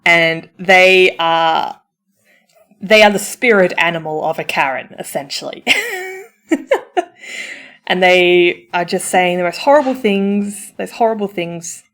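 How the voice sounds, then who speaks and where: A woman with a lowish, slightly bright voice speaks slowly and pauses often. She's an audio roleplay performer playing a supportive friend, giving the listener a chatty, informal pep talk in a comforting roleplay with a theatrical, encouraging manner.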